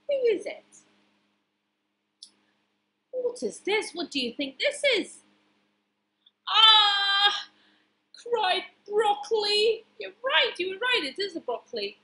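A woman's voice: high-pitched, pushed and bright, rough recording. A woman reading a picture book aloud to children, pointing out the pictures and asking them questions.

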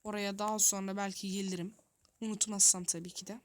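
A woman's voice: medium pitch, little pitch movement, fairly quick. A woman giving running gameplay commentary, thinking aloud, talking straight to her viewers and muttering to herself in a flustered way. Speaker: gaming youtuber.

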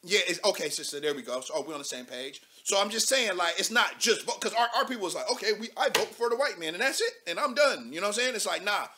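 A man in his thirties hosting a live political call-in show from a studio desk, talking loud and animated with casual slang and cursing. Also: sits high, fast, few pauses, a little hiss or hum. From United States. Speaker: talk show host.

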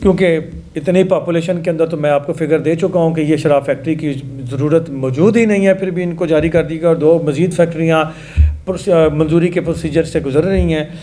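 A man's voice: a little high, steady tone, a little fast, warm tone, slight background noise. A man in his forties with a Pakistani Urdu accent, giving earnest news commentary to camera in a studio, making appeals.

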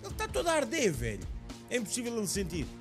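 A young man with a European Portuguese accent, excitedly commenting on a clip he is reacting to, swearing and laughing. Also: high voice, fast, over music.

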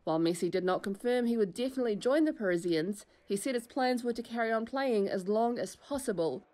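A woman's voice: on the high side, a little fast, a little mellow. A woman reporter reading a scripted news voice-over.

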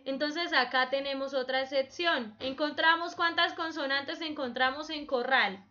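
A woman's voice: sits high, moderate pace, pushed and bright, muffled recording. A woman teaching a children's class, patiently explaining examples and prompting the pupils with questions. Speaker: primary school teacher.

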